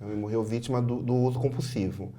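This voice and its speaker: A Brazilian man speaks as an interview guest, recounting hard memories in a halting way. He pauses often, and his sentences trail off softly. His voice sits at a middle pitch and sounds ordinary and unadorned. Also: steady tone, a little hiss or hum. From Sorocaba, Brazil. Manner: hesitant, halting, with many fillers and trailing off softly. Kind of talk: personal testimony in an interview.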